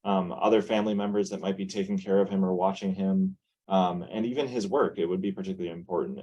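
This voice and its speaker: A man with a low, mellow voice answers a caregiver's question on a webinar panel. He gives his advice in a calm, measured way. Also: poor audio. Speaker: clinician panelist.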